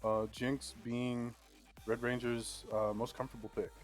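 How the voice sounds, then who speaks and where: A man calling a live esports draft pick by pick in steady play-by-play, with frequent ums. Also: medium pitch, a little slow, soft background music. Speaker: play-by-play caster.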